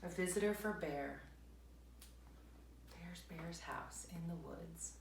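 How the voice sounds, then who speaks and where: Her voice sits on the lower side as she performs a story for children, stressing moments dramatically, lingering on words, and whispering little asides to them. Slight background noise carries through the echoey room.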